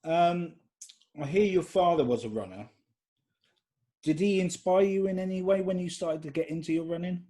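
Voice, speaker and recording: A man's voice: sits high, moderate pace, warm tone. A man hosting a podcast, asking questions in an easygoing, friendly way with short encouraging replies. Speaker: podcast host. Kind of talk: casual interview.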